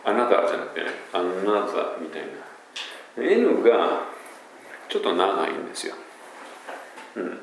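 A man's voice: deep voice, huge pitch swings, normal speed, vocal fry, long pauses, far from the mic, slight background noise. A man with a Kansai accent, an English pronunciation teacher, casually explaining sounds and demonstrating them aloud. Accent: Kansai Japanese. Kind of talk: casual spoken lesson. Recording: very echoey room.

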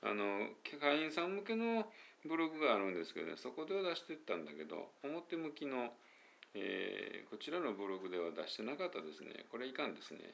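Speaking fast with big swings in pitch, a man with a medium, creaky, fairly bright voice chats casually in a monologue video as a pronunciation coach. He drops English phrases into Japanese, fixes his own errors, and laughs at his slips.

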